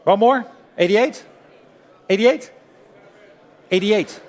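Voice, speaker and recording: A man's voice: sits high, slow pace. A man working as an auctioneer, calling bids in a formal, insistent way and repeating figures over and over. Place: large auction hall, indoors. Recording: long-reverb hall sound.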